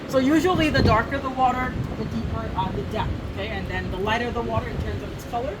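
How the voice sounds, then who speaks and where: A woman's voice: fairly high pitch, fast talker. A Bahamian woman leading a guided island tour, chatty and checking in with her group with an easy "okay?". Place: outdoors on a windy island lighthouse. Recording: wind noise, voice far from mic.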